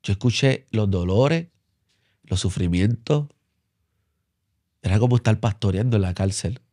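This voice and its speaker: A male pastor with a Puerto Rican Spanish accent, telling his story in an interview, earnest and repetitive, his voice sinking low and soft when moved. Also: expressive, unhurried, no room sound, clean studio sound.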